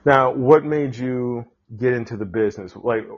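Husky-voiced upbeat male podcast host. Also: medium pitch, normal speed, muffled recording. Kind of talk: scripted intro then casual interview.

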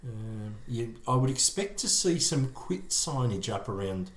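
A man's voice: medium pitch, big pitch swings, unhurried. An Australian man hosting a casual motor racing watch-along, giving dry, wry mock commentary among friends. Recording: echoey room.

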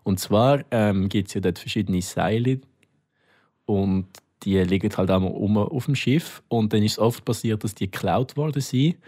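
Joking Swiss German man, low-ish voice. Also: moderate pace, dark tone. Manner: joking, hesitant with fillers. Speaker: podcast co-host. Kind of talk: casual chat.

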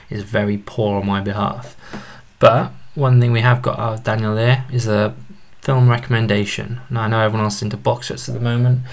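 A man with a Welsh accent hosting a casual podcast in a fairly monotone way. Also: lowish voice. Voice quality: monotone, creaky. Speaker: podcast host.

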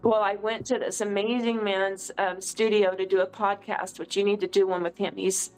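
A middle-aged woman from California giving an earnest, emotional testimony as an interview guest, telling stories with lively feeling. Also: mid-range voice, normal speed, faint music behind, poor audio. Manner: emotional, earnest, animated storyteller. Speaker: political candidate, guest.

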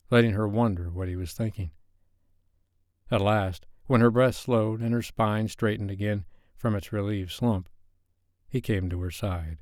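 A man narrating an audiobook in a measured, steady reading. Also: fairly low pitch, no room sound, clean studio sound. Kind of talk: scripted narration.

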